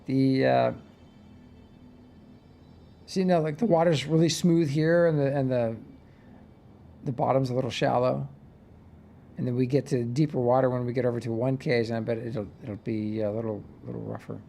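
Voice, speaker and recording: A man's voice: mid-range voice, fairly even intonation, moderate pace, creaky, pauses often, dark tone, slight background noise. A man hosting a game livestream, chatting eagerly and trailing off with fillers as he sails around. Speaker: streamer host. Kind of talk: casual livestream chat.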